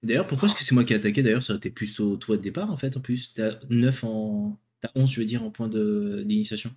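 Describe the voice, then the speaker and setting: A man's voice: on the low side, fast, breathy edge. A man playing in a tabletop game, chatting casually and exclaiming over his dice rolls. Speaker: player.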